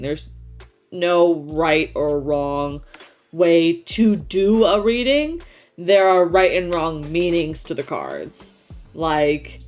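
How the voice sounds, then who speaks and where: A woman co-hosting a casual chat show, explaining things informally as she thinks aloud. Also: lowish voice. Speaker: podcast co-host.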